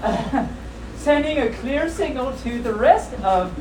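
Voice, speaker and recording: Filmed by a distant camera at a live fan-convention event, this high-voiced woman reads a funny children's story slowly and expressively to an audience. Her manner is playful, jokey and chatty with casual asides, and the indoor room sounds echoey and distant with background noise.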